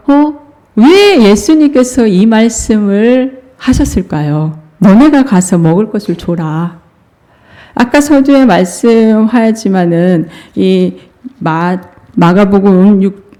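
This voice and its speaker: A woman preacher delivers a Sunday sermon in a church, her voice mellow and warm. She tells the scripture story in a lively, conversational way, acting out the dialogue and chuckling along. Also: mid-range voice. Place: church sanctuary.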